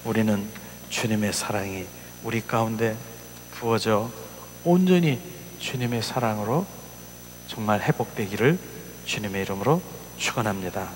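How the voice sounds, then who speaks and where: A man preaching an emotional sermon, telling a story and acting out its voices, moving between soft whispers and loud cries. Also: lowish voice, animated, normal speed, long pauses, in a large hall, slight background noise. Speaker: pastor. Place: church sanctuary.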